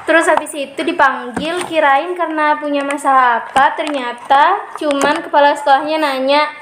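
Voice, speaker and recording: A woman's voice: high voice, fairly even intonation, moderate pace. A young woman guest giving brief, plain answers in a casual chat. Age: young adult. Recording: echoey room with noise.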